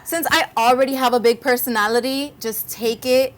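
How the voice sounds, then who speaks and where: A woman's voice: on the high side, normal speed. A woman in her twenties, born in Cuba and raised in Miami, chatting as a guest on a talk show and acting out the quotes in her stories. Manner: lively, animated storyteller, acts out quotes. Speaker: guest co-host, social media influencer. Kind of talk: casual talk-show chat.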